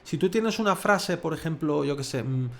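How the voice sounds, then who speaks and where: A man's voice: fairly high pitch, lively intonation, vocal fry, slight background noise. A man from Spain with a Spanish accent, teaching songwriting in a casual video lesson, chatty and demonstrative. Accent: Spanish, from Valencia. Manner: chatty, demonstrative, sings and speaks lyrics slowly in rhythm. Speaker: music theory teacher.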